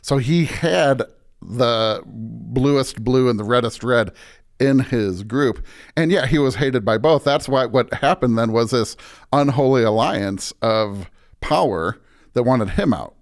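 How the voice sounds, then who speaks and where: In a podcast interview, a pastor speaks slowly in a medium-pitched voice, earnest and emphatic. His talk is conversational but slips into preacherly stretches, and he often builds his points by repeating phrases.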